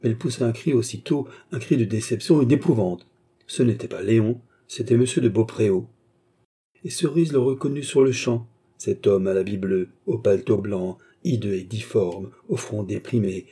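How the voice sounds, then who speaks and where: A man reading a novel aloud as narrator, dramatic and expressive. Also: on the low side, moderate pace, husky.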